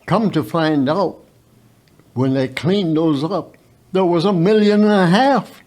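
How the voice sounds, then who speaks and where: A very old man tells his own story in a slightly high voice. He takes it slowly and haltingly, often repeating a word or stammering into it before the sentence moves on. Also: darkish tone. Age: very old, around 100. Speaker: war veteran guest. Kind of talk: unscripted personal storytelling.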